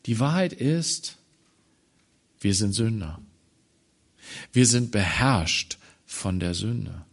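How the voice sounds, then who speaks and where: A man preaching a sermon on a Bible passage, swinging from loud emphatic phrases to quiet low ones. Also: sing-song, creaky. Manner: slow, deliberate delivery.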